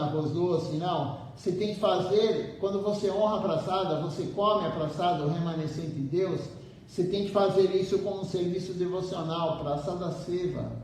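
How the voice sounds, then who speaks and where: Repeating key phrases again and again, a man with a fairly high, darkish voice urges his listeners during a devotional sermon at a temple. The mic is distant, the hall very echoey, and a faint low rumble runs underneath.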